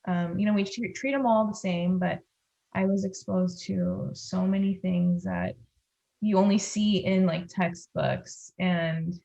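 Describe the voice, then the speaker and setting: Her voice is fairly low, dark and creaky, with a steady tone and measured pace. She's a pediatric dentist from Los Angeles, answering casually as a podcast guest in a Californian accent, on slightly dull lo-fi audio.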